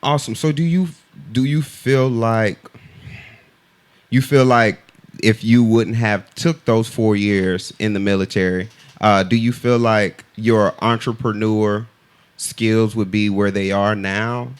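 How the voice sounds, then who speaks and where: Interviewer, man, American accent, lower-pitched, casual slangy chat with hesitant phrasing. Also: steady tone, slow pace, clear, resonant tone.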